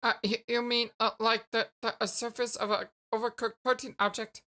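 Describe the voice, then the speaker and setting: Woman as awkward, timid alien boy for a game; bright voice, flustered stutter, hesitant phrasing. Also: on the high side, little pitch movement. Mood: puzzled. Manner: stammering, halting, hesitant.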